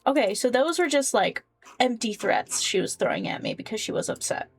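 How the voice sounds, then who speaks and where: A woman playing a story game, reading the dialogue and journal entries aloud in an expressive, casual way. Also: fairly high pitch, a little fast, slightly rough. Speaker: game player voicing characters.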